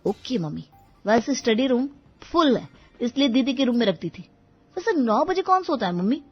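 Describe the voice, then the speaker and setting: Cheeky cartoon college boy voiced by a woman, high voice, dull audio. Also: very animated, normal speed, slightly rough, faint music behind. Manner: cheeky, whiny. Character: teenage male college student, cheeky younger brother.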